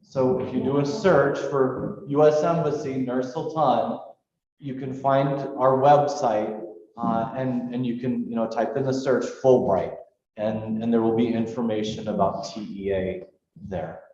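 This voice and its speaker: A man's voice: medium pitch, fairly even intonation, unhurried, a little mellow, slight background noise. Guy talking informally at a meeting, far from the mic, muffled and echoey. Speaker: embassy representative. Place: large echoey room.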